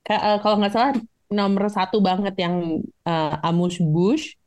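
A woman's voice: mid-range voice, measured pace, a little mellow. A woman chatting about a film, rambling and searching for words, mixing in English. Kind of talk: casual film discussion.

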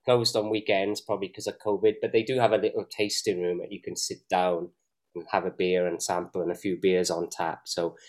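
A man's voice: sits low, level tone, brisk. A man co-hosting a beer review show, chatty and jokey, often laughing. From Wales. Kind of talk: casual banter.

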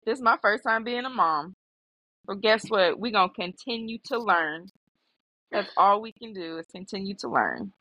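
A woman, a stay-at-home mom, talking candidly in a podcast chat, earnest and repeating herself, animated when she quotes herself. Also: mid-range voice, moderate pace, no room sound, rough recording.

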